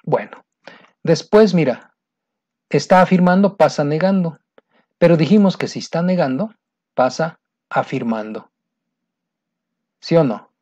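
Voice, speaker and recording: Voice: medium pitch, expressive, unhurried, pauses often, a little mellow, dull audio. An English teacher explains grammar in a recorded lesson. The teacher is patient and repeats points, often checking that the student is following. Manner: patient, repetitive, keeps checking understanding.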